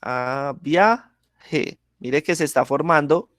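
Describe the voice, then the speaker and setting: A man's voice: on the high side, slow pace, no echo. Male teacher explaining a lesson unhurriedly, keeps checking the class follows, dry sound. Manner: patient, explains step by step with examples.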